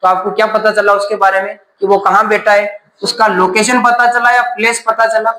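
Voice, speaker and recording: A man's voice: high-pitched, level tone, normal speed, sharp tone, reverberant, rough recording. A man teaching a grammar class, asking questions and then answering them himself.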